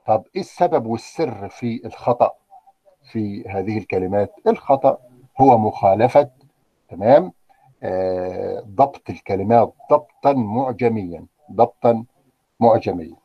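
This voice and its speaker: A low, husky male voice with an Egyptian Arabic accent leads a live language class. He talks to the students in a relaxed way and keeps checking in with them. The recording is dry and a little muffled. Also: normal speed, dry recording. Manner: conversational, checks in with "okay?" and asks the class questions. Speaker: language teacher. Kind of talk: live online grammar lesson.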